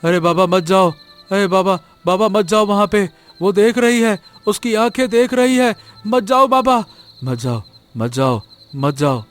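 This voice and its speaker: A man's voice: sits high, a little slow, faint music behind. A man voicing a terrified male villager who mutters panicked warnings in his sleep in a cartoon story.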